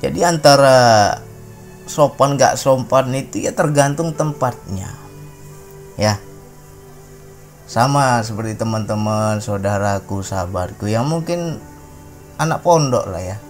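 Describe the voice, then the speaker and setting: A man's voice: medium pitch, unhurried, long pauses, soft background music. A middle-aged man from Sumatra, giving an informal spiritual talk in a conversational way, often tagging his sentences with a questioning "ya". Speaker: religious talk speaker.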